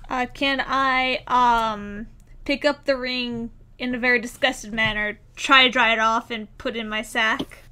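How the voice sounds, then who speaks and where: A woman's voice: a little high, steady tone, a little slow, bright, forceful tone, clean tone. A woman playing a tabletop game, playful and pleading at times. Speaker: player.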